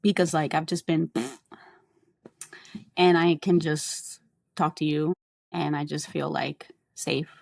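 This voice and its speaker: A woman's voice: low voice, fairly even intonation, slow pace, vocal fry, pauses often, darkish tone, no room sound. A young adult woman co-hosting a podcast, telling rambling stories in casual chat and swearing freely. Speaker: podcast co-host.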